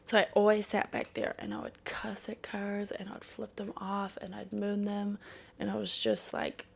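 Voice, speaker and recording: A woman in her thirties talks through her own podcast in a loose, unscripted way, swearing freely and laughing as she goes. Her voice has a gravelly, creaky edge at a middle pitch. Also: steady tone, normal speed. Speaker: podcast host. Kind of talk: casual solo podcast chat.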